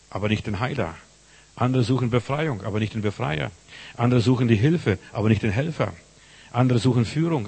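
A man's voice: mid-range voice, husky. A man preaching a sermon, telling stories with emphatic, repeated phrases. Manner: voices characters loudly in stories. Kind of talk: sermon with storytelling.

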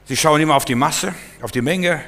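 A man's voice: fairly high pitch, brisk, a bit bright. A man preaching a sermon emphatically, acting out Bible scenes in different voices. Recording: long hall reverb.

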